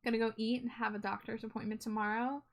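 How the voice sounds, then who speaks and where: A woman's voice: a little high, level tone, fast, gravelly. A woman art streamer chatting casually to viewers on a livestream in a cute, friendly, appreciative manner.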